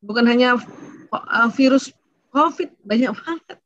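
A middle-aged woman lectures on child-rearing in a lively seminar style, turning her listeners' likely objections into questions and answering them. Her voice sits a little high. The recording is dry and somewhat muffled. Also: a little slow, no echo. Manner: animated, asks herself questions in the audience's voice. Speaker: seminar speaker on parenting. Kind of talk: religious parenting seminar talk.

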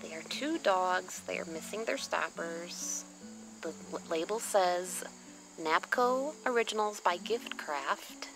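A woman vlogger sits at a table on an outdoor patio or deck, gushing and exclaiming as she casually shows off her thrift finds. Her voice is fairly low with vocal fry, animated yet slow, and the poor audio plays over music.

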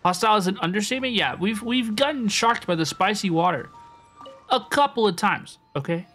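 Over background music, a young woman game streamer keeps up casual chat and gameplay commentary, often echoing her own phrases. Her mid-range voice is expressive and a bit bright, and her pace is fairly quick.

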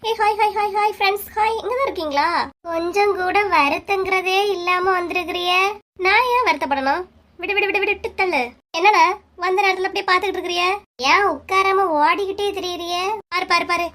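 A woman's voice: very high voice, fairly quick, fairly bright tone. A woman with a Kanyakumari Tamil accent voicing a carefree, cheeky cartoon housewife who fancies herself a film star. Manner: breezy, unbothered, teasing. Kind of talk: cartoon comedy voice acting.

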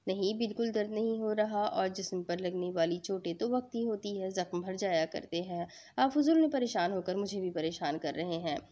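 A woman voicing a busy, practical young wife who speaks briskly and lightly scolds. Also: mid-range voice, dark tone, muffled recording, lightly acted. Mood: scolding.

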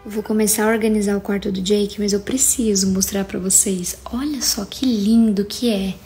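A woman's voice: medium pitch, fairly even intonation, moderate pace, dark tone, echoey room, faint music behind. A young adult woman vlogging casually at home, chatty and playful, with rambling asides. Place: room at home.

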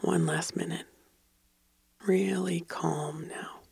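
Whispered meditation guide, gravelly and breathy, slow and calm. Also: mid-range voice, no echo. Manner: slow soothing whispered guidance.

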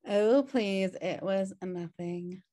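On a video call from an indoor room, an American woman reads the part of a flippant, irresponsible twin sister during a sitcom script table read. Her mid-range voice is slow, mellow and close to everyday speech, with a wry mood, captured by the video call microphone.

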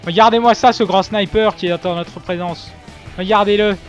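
High-voiced man doing ironic game commentary. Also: steady tone, normal speed, highs cut off, faint music behind. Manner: mock-boastful, ironic self-praise. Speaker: gaming video host. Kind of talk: gameplay commentary.

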